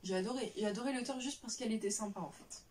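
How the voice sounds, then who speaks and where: A woman's voice: fairly high pitch, quick pace, a little mellow, distant mic. A young woman chatting casually about books on a vlog, rambling with lots of fillers and restarts. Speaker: book vlogger. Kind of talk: casual chat.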